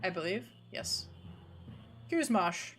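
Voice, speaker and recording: A woman's voice: mid-range voice, big pitch swings, slow pace, fairly bright tone, soft background music. A woman game streamer chatting casually through her playthrough.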